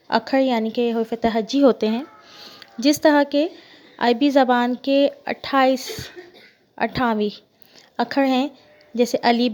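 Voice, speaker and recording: A woman's voice: a little high, darkish tone. A young woman teacher giving an alphabet lesson to children, patiently sounding out each letter twice before giving an example word.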